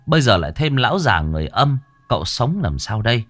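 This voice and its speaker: A man telling a horror story in a dramatic, animated way. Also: medium pitch, fast talker, no room sound, soft background music.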